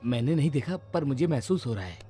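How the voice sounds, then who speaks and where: A man's voice: medium pitch, expressive, quick pace, over music, natural voice. An actor dubbing a nervous young male student in a horror film. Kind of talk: Hindi film dub acting.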